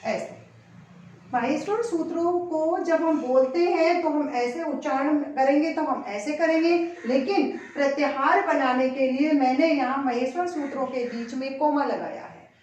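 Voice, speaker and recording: Slow, careful woman teacher, echoey room. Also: sits high, darkish tone, a little hiss or hum. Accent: Hindi. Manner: careful, drawn-out recitation of syllables. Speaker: Sanskrit grammar teacher. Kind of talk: slow classroom lesson with recitation. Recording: echoey room, distant dull mic.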